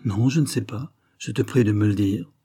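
Male reader as dignified young woman, earnest and restrained, husky tone. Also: lowish voice, normal speed, dark tone.

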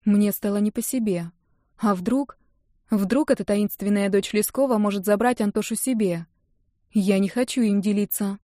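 A woman's voice: medium pitch, warm tone, no echo, studio quality. A woman narrating a first-person audiobook with wry, ironic asides.

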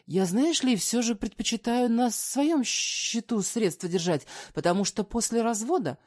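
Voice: medium pitch, a little mellow, pitched above the performer's own voice, close to an everyday voice. A reader voicing a defiant, sarcastic young heroine in an audiobook. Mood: heated. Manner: sarcastic, quick to argue. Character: young woman heroine, sharp-tongued and defiant.

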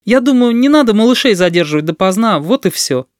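Man voicing a schoolboy, earnest, eager, raised pitch, dry close sound. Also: very animated, moderate pace, no room sound. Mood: indignant. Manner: eager, increasingly loud and ringing.

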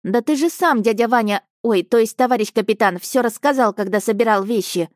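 Young boy, timid and eager, high shaky voice, voiced by a woman reader, audiobook. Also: a little fast, darkish tone, no room sound, clean studio sound, close to an everyday voice. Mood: nervous. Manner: shaky, pleading, high childlike voice. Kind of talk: audiobook character reading.

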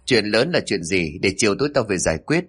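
A man's voice: on the low side, big pitch swings, brisk, fairly bright tone, husky, soft background music, heavily acted. A man voicing a callous young husband who speaks in a curt, dismissive way in a spoken story.

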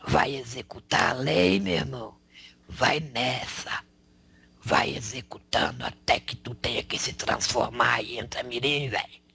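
A man channeling a male spirit who preaches in a slangy, raspy whisper, tagging lines with rhetorical questions. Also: mid-range voice, unhurried, bright, forceful tone, full character voice. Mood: preaching. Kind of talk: spiritual counsel.

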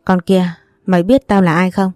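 A woman's voice: on the low side, flat delivery, moderate pace, darkish tone, no echo, studio quality, lightly acted. A woman voicing a crude, emotional young female best friend who talks bluntly and teasingly. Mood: excited.

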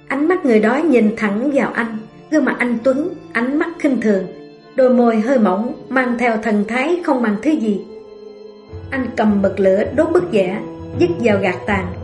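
Female audiobook narrator, calm melancholic delivery, reverberant room with soft music underneath. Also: fairly high pitch, moderate pace. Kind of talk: scripted narration.

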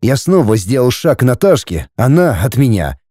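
A man narrates a first-person audiobook with dramatic, expressive delivery. His voice is dark and mellow with a lively, wide-ranging melody, recorded close and very dry. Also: medium pitch, normal speed, dry recording.

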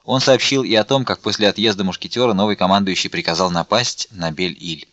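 A man narrating an audiobook in a steady, clear reading. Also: deep voice, fairly quick, no room sound. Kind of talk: scripted narration.

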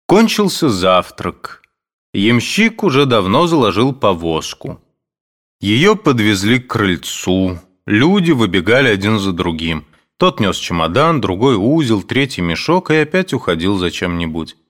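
A man reading classic prose as an audiobook narrator, in an expressive, measured way. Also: fairly low pitch.

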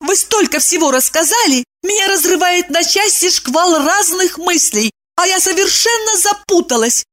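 Brief: a woman reading a young indignant wife in a storybook, shrill and swooping, easily outraged. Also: lively intonation, moderate pace, few pauses, fairly bright tone. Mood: agitated. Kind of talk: audiobook dialogue reading.

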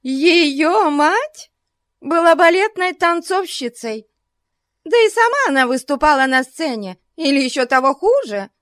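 A scheming middle-aged lady gushes with sugary, false concern in a raised voice, as a woman reads her part. She drags out her words slowly and the sound is dry and close. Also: high voice, expressive, no echo, voice pushed up. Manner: gushing, falsely solicitous.

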